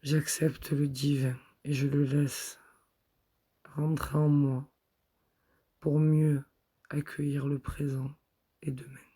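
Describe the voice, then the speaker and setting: A man guiding a chakra meditation, speaking soft, repetitive affirmations in the first person. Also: on the high side, level tone, slow pace, pauses often, slightly rough. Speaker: meditation guide.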